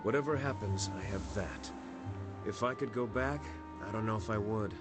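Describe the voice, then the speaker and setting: An actor playing a worldly male warrior companion in a video game, speaking in an earnest, measured, reflective way. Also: on the low side, close to an everyday voice. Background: loud game music.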